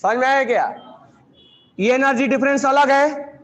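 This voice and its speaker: A man's voice: very high-pitched, normal speed, fairly bright tone, muffled recording. A man teaching chemistry to a class, drilling students with repeated questions and mixing terms into his lecture.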